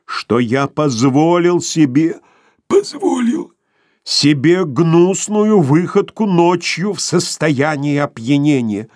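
A man putting on a hoarse crude lout. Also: a little high, sing-song, slow pace, a little mellow, no room sound, clean studio sound, pitched above the performer's own voice. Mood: cowed. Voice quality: hoarse, rasping. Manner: crude, whiny, cowed. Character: coarse crude young man, former dog. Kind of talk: audiobook character voice.

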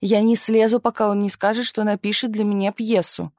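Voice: mid-range voice, normal speed, a little mellow, no room sound, studio quality, close to an everyday voice. A reader voicing a tipsy young woman activist who earnestly and plaintively begs for a leading role. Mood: stubborn. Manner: insistent, plaintive.

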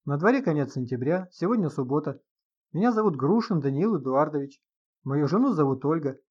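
A man's voice: a little high, expressive, brisk, darkish tone, muffled recording. A man voicing an irritable, suspicious middle-aged husband who gets agitated and sarcastic in an audiobook reading. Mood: guarded.

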